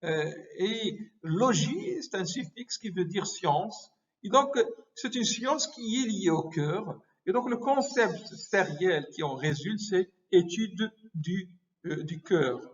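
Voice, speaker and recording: A man giving a medical lecture, halting often with hesitations and self-corrections. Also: high voice, animated. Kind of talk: explanatory lecture. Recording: muffled lo-fi recording.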